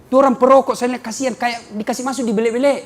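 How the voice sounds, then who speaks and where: A man preaching a sermon to a gathering, swinging from loud outbursts to low asides. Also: fairly even intonation, rapid-fire, a little hiss or hum.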